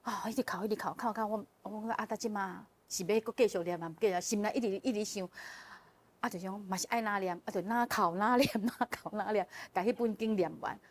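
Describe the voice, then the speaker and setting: A woman as a guest telling a personal story in casual chat, animated and often laughing as she relives the emotion. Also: medium pitch, fast. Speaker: guest sharing a personal testimony.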